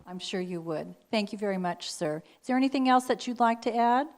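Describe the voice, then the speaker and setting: A woman's voice: medium pitch, fairly quick, a little mellow. A woman hosting a show and interviewing a guest, asking questions in an earnest, appreciative way.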